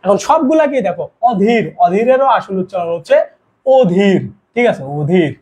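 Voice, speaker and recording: A man's voice: very high-pitched, fast talker, husky. A young man tutoring students for an admission test in an online grammar lesson, explaining step by step and often asking if they follow. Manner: lively explaining with constant check-in questions.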